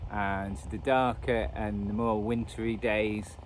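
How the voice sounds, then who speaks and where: Radio static and traffic fill this noisy outdoor recording as a man, a radio hobbyist who hosts videos, offers rambling, self-deprecating commentary off the cuff. He speaks slowly in a lowish, level tone.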